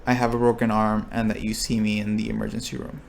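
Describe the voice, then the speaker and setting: A man's voice: fairly low pitch, completely flat delivery, quick pace, gravelly, a little hiss or hum. A young man explaining a probability lesson, thinking aloud with restarts and checking in with his listeners. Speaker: recitation instructor. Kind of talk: explaining a lecture topic.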